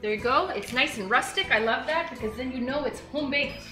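A woman's voice: high-pitched, fairly quick, bright, forceful tone, roomy sound, faint music behind, low-quality recording. A woman in her thirties hosting a home cooking video in her kitchen, chatty and enthusiastic, praising the food as she explains each step. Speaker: cooking show host.

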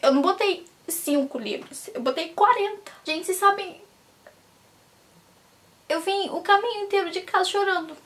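A woman's voice: very high-pitched, normal speed, pauses often. A young woman venting at home in a vlog, stressed and tearful, swearing and exclaiming. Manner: upset, swearing, expressive outbursts. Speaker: vlogger. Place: at home, indoors.

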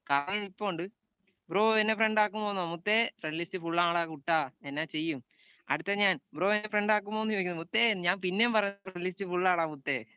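A man's voice: sits high, sharp tone, clean tone, dry recording. A young man with a Malayali accent streaming a football video game live, calling out plays and greeting viewers by name. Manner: chatty, calls out passes and greets viewers by name.

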